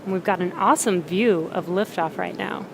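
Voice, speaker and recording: A woman's voice: lowish voice, moderate pace, gravelly, noisy background. A woman giving live, explanatory commentary as host of a launch webcast.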